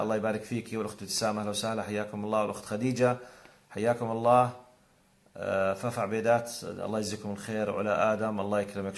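Speaking with a Jordanian Arabic accent, a man hosts a live call-in broadcast where he warmly blesses each viewer in turn, in a conversational way. His voice is on the low side and has vocal fry.

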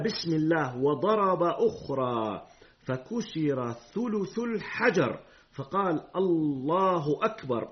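A man's voice: fairly high pitch, dull audio. A man giving a religious lesson. He reads hadith formally, then explains them in colloquial speech and throws rhetorical questions at his listeners. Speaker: Islamic preacher.

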